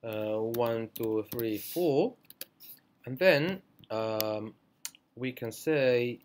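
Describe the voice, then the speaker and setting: A man's voice: medium pitch, lively intonation, extremely slow, a little hiss or hum. Hesitant man teaching a coding screencast. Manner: hesitant, many fillers and self-corrections. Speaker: programming instructor.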